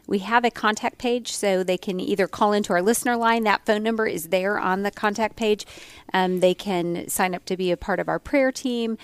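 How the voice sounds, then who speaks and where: A woman with a smooth, clear voice co-hosts a show. She speaks conversationally to listeners, giving announcements. The recording is close and dry. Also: mid-range voice, steady tone, normal speed, no echo. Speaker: co-host.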